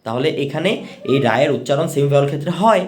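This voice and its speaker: A man's voice: fairly high pitch, expressive, rapid-fire. A man teaching an English pronunciation lesson, patiently repeating each rule step by step for his learners. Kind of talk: explanatory lesson.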